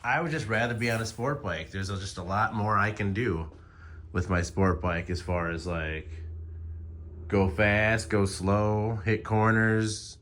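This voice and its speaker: A man in his forties from the US vlogs to his phone about motorcycles, rambling in a relaxed, slangy, conversational style. He speaks low and fairly bright at a measured pace, with slight background noise.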